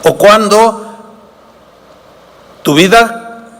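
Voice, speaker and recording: High-voiced pastor in a hall. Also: male voice, extremely slow, a bit bright. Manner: preaches with rhetorical questions, acts out dialogues. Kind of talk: sermon. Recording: long reverb of a large hall.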